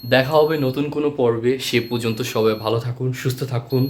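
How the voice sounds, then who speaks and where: A man whose first language is Bengali, teaching English letter sounds in a slow spoken lesson, repeating each sound patiently. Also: mid-range voice, fairly even intonation, a little hiss or hum.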